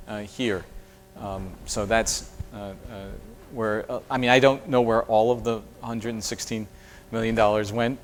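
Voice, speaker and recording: In a lecture hall, a man with a medium-pitched voice gives a university lecture and answers questions from the audience. He speaks thoughtfully, with many fillers and restarts.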